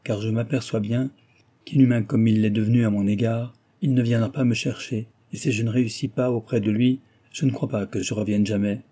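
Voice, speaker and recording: A man voicing a dejected, distressed married woman in an audiobook, plaintive, in his own husky voice. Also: fairly low pitch, steady tone, a little fast, dark tone, natural voice. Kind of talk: audiobook character reading.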